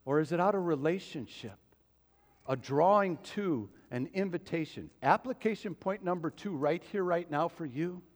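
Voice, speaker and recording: A man's voice: on the high side, lively intonation, moderate pace. A man preaching a sermon as pastor, talking to the congregation in a loose, conversational way with frequent asides. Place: church sanctuary. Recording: long reverb of a church hall.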